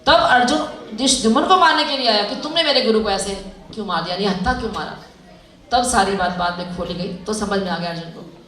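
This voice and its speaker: A woman's voice: mid-range voice, lively intonation, fast, a bit bright. A woman giving a storytelling devotional talk to young women, putting questions to her listeners. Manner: storytelling, asks the audience questions. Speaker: speaker at a youth seminar. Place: lecture hall. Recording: echoey hall, mic far off.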